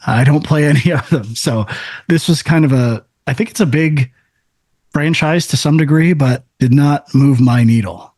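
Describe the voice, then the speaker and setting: A man co-hosting a gaming podcast, leading the rundown in a halting, chatty way. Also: on the high side, darkish tone, no room sound. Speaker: podcast co-host. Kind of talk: casual chat.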